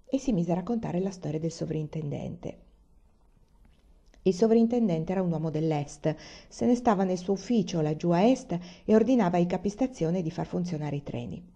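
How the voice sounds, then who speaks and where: A woman reading a novel aloud with a measured, even narration, in a slightly muffled recording. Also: fairly low pitch. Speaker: reader.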